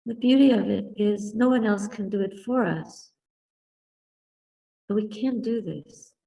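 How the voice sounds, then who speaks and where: A woman giving a Buddhist talk and guided meditation in a soft, calm, deliberate voice, speaking in short contemplative phrases with long pauses. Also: medium pitch, vocal fry, recorded from a distance, rough recording. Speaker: Buddhist nun teaching and guiding meditation.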